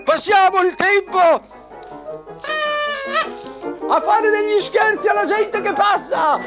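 A man voicing a boisterous, party-mad male clown puppet with a squeaky, shrill, exuberant shouting voice. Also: slow pace, over music, full character voice.

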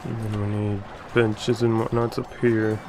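A man's voice: on the low side, level tone, unhurried, noisy background. A man giving casual commentary while playing a building game, muttering to himself as he works. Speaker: let's play gamer. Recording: game music behind the voice.

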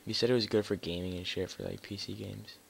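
Low, gravelly raging gamer guy. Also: fairly even intonation, quick pace. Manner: raging gamer, profane and exasperated grumbling. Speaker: gamer recording live commentary. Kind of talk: casual live gameplay commentary. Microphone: gaming headset.

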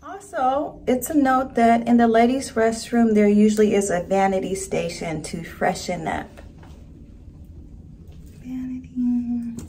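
A woman's voice: fairly high pitch, unhurried, mellow, a little hiss or hum. A middle-aged woman vlogging in a bubbly, chatty way to viewers, filming herself with a phone at arm's length inside a small public restroom. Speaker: travel and food vlogger. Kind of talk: upbeat travel vlog to camera. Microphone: phone held at arm's length.

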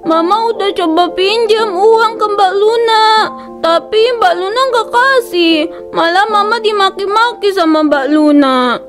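A woman's voice: extremely high pitch, unhurried, over music. A woman voicing a young girl in a cartoon, a devoted daughter who pleads tearfully for help. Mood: pleading. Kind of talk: cartoon voice acting.

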